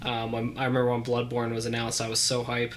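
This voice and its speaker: A young man co-hosting a relaxed podcast chat. His delivery stays flat and monotone, even when he jokes sarcastically, and he fills pauses with plenty of ums. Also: medium pitch, a little hiss or hum. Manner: dry deadpan sarcasm, many ums. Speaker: podcast co-host.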